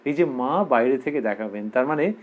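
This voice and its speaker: A man giving a spiritual discourse as a religious lecturer, explaining slowly and repeating quoted verses for emphasis. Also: medium pitch, expressive.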